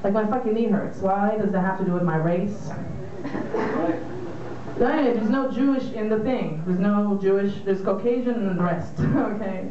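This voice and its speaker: A woman's voice: mid-range voice, moderate pace. Brash Israeli woman doing stand-up in a bar. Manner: brash, teasing crowd work. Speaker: stand-up comedian. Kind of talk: stand-up comedy set. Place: small dim bar or club stage, indoors. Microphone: handheld mic, filmed by a far camera. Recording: echoey room filmed from far, dull lo-fi sound, noisy.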